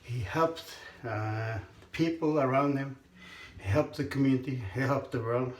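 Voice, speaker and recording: With a camera on the counter about an arm's length away, a shaving vlogger records himself in a small, echoey tiled bathroom where faint noise lingers. His hoarse, medium-pitched voice moves slowly and haltingly through casual chat, with repeated throat clearing.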